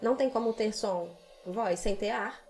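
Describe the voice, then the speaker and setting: A woman's voice: medium pitch, normal speed, a little mellow. A woman singing teacher with a Brazilian accent, patiently explaining vocal technique in a casual podcast chat. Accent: Brazilian Portuguese.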